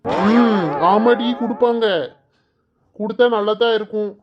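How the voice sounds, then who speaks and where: A man playing a calm, matter-of-fact husband. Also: sits high, unhurried. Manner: plain, steady. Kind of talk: cartoon voice acting. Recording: dull lo-fi recording.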